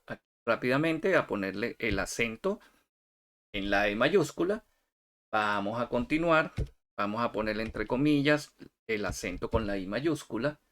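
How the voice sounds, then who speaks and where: A man's voice: medium pitch, fairly bright tone. Man walking viewers through a tutorial. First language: Spanish. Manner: talks viewers through steps, checking in with "¿ok?". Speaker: instructor. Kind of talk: software tutorial screencast.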